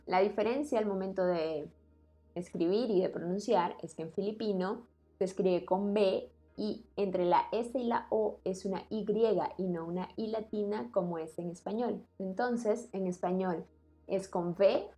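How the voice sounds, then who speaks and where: A woman's voice: medium pitch, a little slow, warm tone, faint music behind. Explanatory woman podcaster. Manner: explanatory, laughs easily. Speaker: co-host explaining language. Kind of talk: casual podcast chat.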